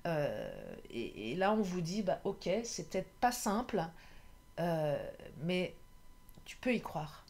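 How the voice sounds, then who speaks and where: A woman's voice: fairly low pitch, sing-song, slow, darkish tone. A woman doing a casual card reading to camera. She is chatty, hesitates with many fillers and laughs at herself. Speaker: tarot card reader.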